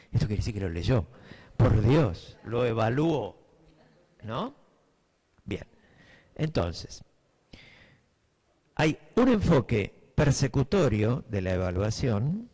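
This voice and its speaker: Slow-speaking Buenos Aires man lecturing. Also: medium pitch, a little mellow, slightly rough. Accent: Buenos Aires Spanish. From Buenos Aires, Argentina. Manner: unhurried, thinking aloud with fillers and checks for agreement. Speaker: teacher giving a class. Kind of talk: lecture to teachers.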